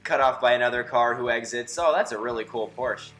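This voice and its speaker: A man's voice: medium pitch, a little fast, fairly bright tone. Young guy narrating a drive, sarcastic and chatty, muffled since the mic's not near him, some music faintly behind. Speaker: vlogger. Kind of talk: casual driving vlog narration. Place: inside a car. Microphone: camera mic from a distance, muffled.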